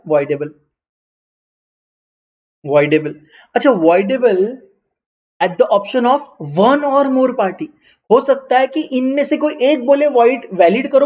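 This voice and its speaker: A man's voice: sits high, darkish tone, dull audio. Indian man teaching, answers his own questions. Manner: repeats key terms, mixes English terms into Hindi. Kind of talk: online lecture.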